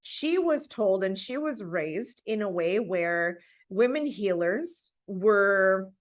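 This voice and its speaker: A woman's voice: mid-range voice, lively intonation, slow pace. A woman talking as a podcast guest, telling personal stories in an earnest, emphatic, conversational way.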